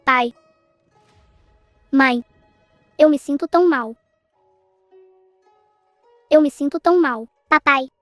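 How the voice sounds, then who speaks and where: Casting: filha frágil e suplicante, voz bem alta, sotaque brasileiro, drama dublado. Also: female voice, sits high, slow, pauses often, a bit bright, dry recording, faint music behind. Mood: pleading. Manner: pleading, speaks of herself by name. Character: gravely ill young daughter, sweet, frail. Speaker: dubbing actress.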